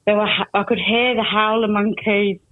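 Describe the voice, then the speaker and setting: A woman's voice: mid-range voice, fairly even intonation, moderate pace, no room sound. A woman telling chatty stories as a guest on a podcast interview. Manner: chatty storyteller. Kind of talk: casual interview chat. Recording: tinny phone line, dry.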